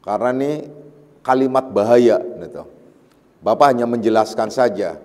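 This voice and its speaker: A man's voice: medium pitch, normal speed, darkish tone. Man teaching a religious lecture in a reverberant hall. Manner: explains patiently with repetition and everyday examples; warns emphatically. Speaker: Sufi teacher giving a night study session. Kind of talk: religious lecture on a classical text.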